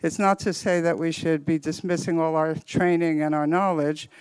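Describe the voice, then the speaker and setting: A man with a fairly high, smooth, clear voice speaks close and dry, slightly out of breath. He talks in a thoughtful, measured way on a therapy panel, at an even pitch. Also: no room sound, poor audio. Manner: thoughtful, measured, cites theory. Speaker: psychotherapist panelist. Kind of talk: panel discussion comment.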